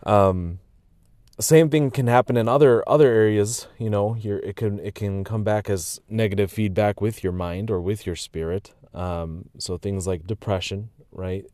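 A man's voice: on the low side, moderate pace, warm tone, no room sound, clean studio sound. A man talking casually to his viewers in a rambling, reflective way, tired and hiccuping, with many fillers and restarts. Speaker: vlogger. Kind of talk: casual personal monologue.

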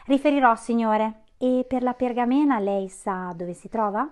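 A woman's voice: a little high, moderate pace, a little mellow, natural voice. A woman voicing a timid green servant creature who speaks deferentially and naively.

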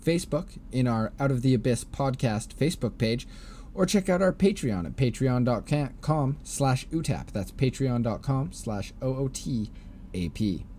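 Man, podcast host, casual rambling chat, warm low tone. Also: animated, normal speed, a little hiss or hum. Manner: joking, rambling with restarts.

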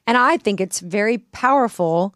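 A middle-aged woman co-hosting a self-care podcast, talking earnestly and reflectively in a relaxed chat. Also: medium pitch, no room sound, clean studio sound. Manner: earnest, reflective, with drawn-out phrasing. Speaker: podcast co-host. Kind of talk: casual chat. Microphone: studio microphone.

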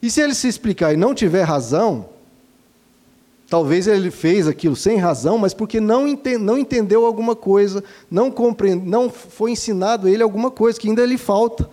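High, mellow-voiced man advising parents. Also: fairly quick. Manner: gentle and didactic, calls listeners "dear ones". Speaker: father giving parenting advice. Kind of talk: earnest advice talk to listeners.

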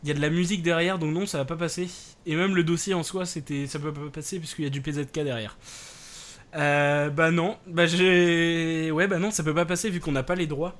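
A man's voice: fairly high pitch, steady tone, brisk, fairly bright tone. A young man hosting a live stream talk show, hesitant, thanking viewers and laughing between remarks. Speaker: host.

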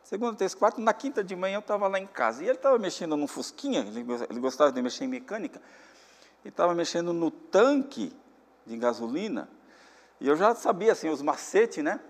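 A pastor preaching a sermon, earnest and preacherly, mixing personal family stories with calls to pray. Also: male voice, a little high, expressive, a little fast. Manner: earnest, preacherly, repeats "meus amados irmãos". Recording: long hall reverb.

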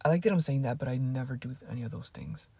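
Talking fast to the camera, a teenage vlogger of eighteen, a native Spanish speaker, rambles chattily and wanders away from her topic. Her very deep voice is creaky, mellow, and slightly rough. The recording is dry.

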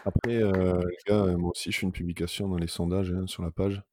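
A man hosting a casual podcast, lively and teasing with his co-hosts. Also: deep voice, brisk, background noise. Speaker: podcast host.

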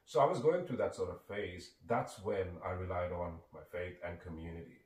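A Sri man with a low, deep voice speaks as a guest, earnest and reflective. He sounds set back from the microphone, and the room around him is echoey. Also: moderate pace. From Sri Lanka. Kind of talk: reflective conversation. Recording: echoey room, distant mic.

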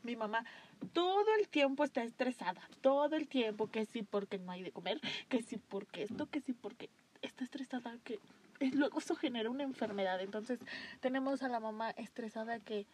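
Brief: woman co-host, slightly high voice, faint hiss behind. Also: fairly quick, a little mellow. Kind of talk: casual chat.

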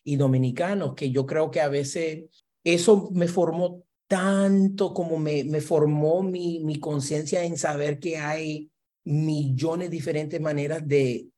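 As an academic interview guest, this Brooklyn man speaks Spanish with a Puerto Rican-influenced accent, answering thoughtfully while slipping in English and frequently ending with "¿verdad?". He speaks slowly in a slightly high, steady, mellow voice.

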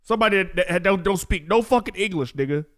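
High, lively man in crude banter. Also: fast talker. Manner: loud, joking, swears constantly. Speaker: podcast host. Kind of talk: casual profane banter.

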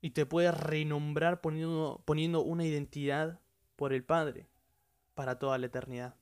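A man with a Rioplatense Spanish accent preaches in an earnest, emphatic podcast teaching and repeats key phrases for weight. His voice sits a little high for a man. The recording is dry, with no room sound. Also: little pitch movement, normal speed, smooth, dry recording.

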